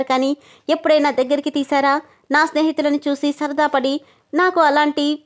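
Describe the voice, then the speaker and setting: A woman's voice: high-pitched, lightly acted. A woman voicing a defiant young man who confronts his mother in an earnest, bitter way.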